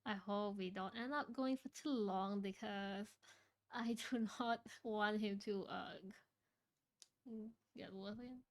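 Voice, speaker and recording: A woman hosting a live stream in casual chat, talking freely with lots of fillers and getting loud when surprised. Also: medium pitch, steady tone, slow. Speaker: streamer host.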